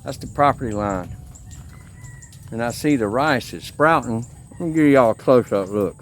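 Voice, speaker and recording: A man's voice: mid-range voice, animated, normal speed, a little hiss or hum. A man vlogging casually and defiantly while walking outdoors with a handheld camera, rambling, a cigar in his mouth. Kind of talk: casual walking vlog tour. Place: outdoors at a rural family home.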